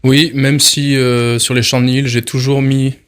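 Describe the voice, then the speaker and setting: A man, the band's composer and singer, answering interview questions in a relaxed way with fillers. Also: mid-range voice, moderate pace, smooth. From France. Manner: relaxed, speaks in short bursts with fillers. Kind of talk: casual interview.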